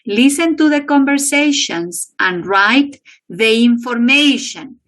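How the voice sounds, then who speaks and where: A woman teaches an online English class. She speaks slowly, and her fairly high pitch rises and falls a lot. She keeps checking in with her students. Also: animated, a bit bright. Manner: switches between English and Spanish prompts.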